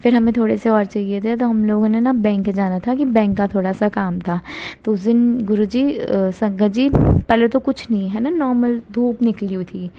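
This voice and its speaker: A woman telling listeners about her devotional experiences in a casual, earnest and grateful way, often rising with excitement. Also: medium pitch, normal speed, muffled recording. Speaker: devotee sharing a testimony. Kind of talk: casual spoken testimony.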